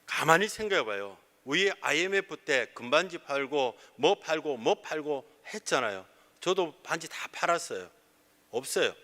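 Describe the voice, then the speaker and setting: Lively middle-aged pastor preaching in a hall. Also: male voice, on the high side, moderate pace. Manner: asks rhetorical questions and answers them himself. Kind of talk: sermon. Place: church sanctuary. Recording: reverberant church hall.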